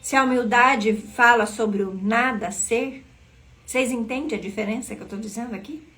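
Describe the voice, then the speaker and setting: A woman's voice: on the high side, normal speed, fairly bright tone. Earnest woman leading a devotional. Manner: earnest, asks listeners questions directly. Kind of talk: devotional teaching reading from a book.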